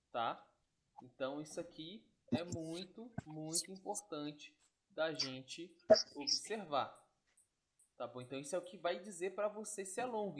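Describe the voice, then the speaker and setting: Teaching Greek online, this man speaks on the high side. He walks through the material step by step, checking in often with quick tag questions.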